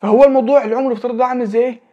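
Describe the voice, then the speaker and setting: A late-teen speaker with an Egyptian Arabic accent gives a relaxed religious talk, repeating phrases and asking whether the listener is with him. He races through it in a very high but dark, steady voice, and the audio sounds dull.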